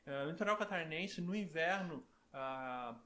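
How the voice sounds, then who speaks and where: A middle-aged man from southern Brazil, a professor talking as a guest in a relaxed interview, chatty and full of "né?" tags and restarts. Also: on the high side, moderate pace.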